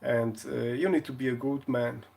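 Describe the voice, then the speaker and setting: A man's voice: medium pitch, fairly even intonation, moderate pace, vocal fry, darkish tone. Laughing, rambling man. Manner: rambling storyteller, laughs often. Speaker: live streamer. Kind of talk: casual live-stream chat and anecdotes.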